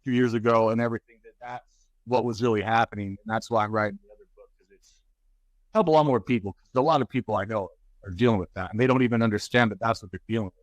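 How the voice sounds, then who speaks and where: Recorded dry and with poor audio quality, a fairly low-pitched man in his forties, an author and speaker appearing as a guest, answers interview questions candidly. He stops and starts frequently, livening up when he tells stories.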